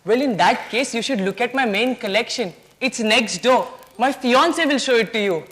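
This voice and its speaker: A man's voice: very high voice, a bit bright. A man playing a nervous young sculptor trying to cover up a mess. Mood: flustered. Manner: nervous and hurried. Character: flustered young male sculptor hiding things. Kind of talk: amateur stage comedy acting.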